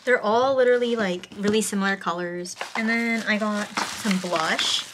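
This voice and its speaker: Young female vlogger, casual narration, medium pitch, clear background noise and rustling. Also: moderate pace. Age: young adult.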